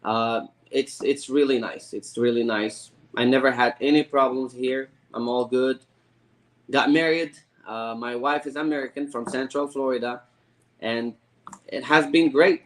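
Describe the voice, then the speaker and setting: Halting, eager man from Morocco. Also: medium pitch, fairly even intonation. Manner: halting, repeats words, eager. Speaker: guest. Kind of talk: casual interview.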